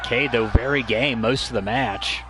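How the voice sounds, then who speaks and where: A man's voice: mid-range voice, a little slow, over music, a crowd in the background. A man working as a wrestling commentator, calling play-by-play in clipped, punchy phrases. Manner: clipped, punchy move-by-move calls.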